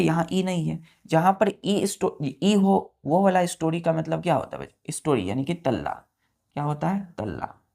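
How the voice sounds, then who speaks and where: This woman's voice is low and darkish, with vocal fry. Speaking with an Indian accent, she patiently teaches vocabulary, spelling words letter by letter and confirming her students are keeping up.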